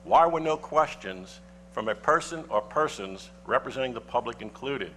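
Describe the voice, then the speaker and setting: A parish council member, a man with a mid-pitched voice, reads a prepared objection at a council meeting. His delivery is formal and deliberate, heavy with legal citations. A faint hum runs under the broadcast recording. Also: lively intonation, bright, forceful tone. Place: council chamber.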